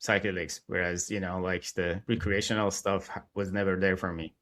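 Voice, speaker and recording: Guy in his 40s, lowish voice, chatty and animated, podcast guest. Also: fairly quick, a little hiss or hum. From Iran. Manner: animated, chatty, laughs between thoughts. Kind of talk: casual interview talk.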